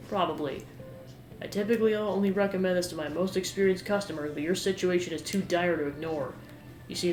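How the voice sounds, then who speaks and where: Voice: medium pitch, a little mellow, natural voice. A game player voicing a mysterious young woman fortune teller with formal, ominous soothsaying patter. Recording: roomy echo with game music behind.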